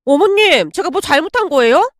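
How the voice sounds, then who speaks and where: A woman's voice: extremely high pitch, sing-song, normal speed, a bit bright, no echo, studio quality, voice pushed up, exaggerated voice. A woman voicing a pushy young daughter-in-law who whines and wheedles. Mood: wheedling. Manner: wheedling, pleading.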